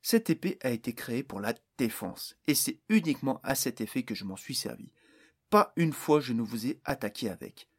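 A man reading an audiobook voices a young male hero who answers an enemy with calm, mocking confidence. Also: medium pitch, moderate pace.

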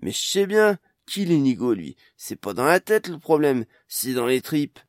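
A man voicing a blunt, anxious fifty-year-old dwarf woman in an audiobook, speaking in loud, exasperated outbursts. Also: mid-range voice, lively intonation, slow pace, no echo, clean studio sound. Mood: frustrated.

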